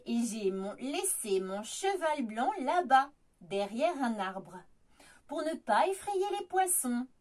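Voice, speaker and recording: A woman's voice: on the high side, sing-song, slow pace, a little mellow, recorded from a distance, voice pushed down, full character voice. A woman voicing a timid, sweet little bear boy who stammers.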